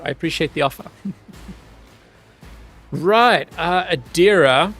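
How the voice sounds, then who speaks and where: A Zimbabwean man gives casual gameplay commentary while streaming, chatting easily with his viewers and laughing often. His mid-range voice has a fairly bright tone.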